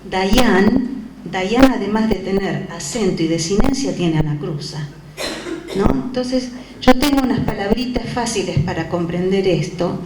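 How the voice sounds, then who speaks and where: A woman's voice: medium pitch, animated, moderate pace. Woman teaching in an echoey classroom. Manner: explanatory, frequent questioning tags. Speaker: music teacher. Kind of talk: classroom lecture. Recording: echoey room with background noise.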